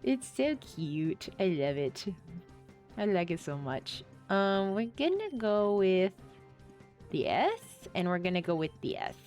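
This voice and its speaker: A woman's voice: medium pitch, big pitch swings, a little slow, a little mellow, faint music behind. A woman streaming a game, chatting casually, rambling and often gushing as she plays. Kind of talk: casual live-stream chat while playing.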